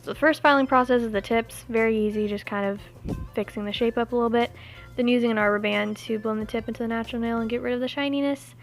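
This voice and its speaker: A woman's voice: fairly high pitch, steady tone, fast, faint music behind. A young woman with a Southern US accent, narrating her nail tutorial in a chatty, self-mocking way. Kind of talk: casual voice-over narration.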